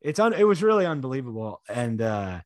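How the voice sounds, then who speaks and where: A man's voice: mid-range voice, big pitch swings, a little fast. An American man hosting a casual sports podcast, his voice partly lost and giving out as he chats informally. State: losing his voice. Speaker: podcast host.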